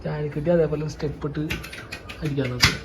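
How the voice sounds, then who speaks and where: A Malayali family member talks very fast in short, offhand replies. Clear background noise runs under the voice. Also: medium pitch, steady tone. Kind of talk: casual conversation.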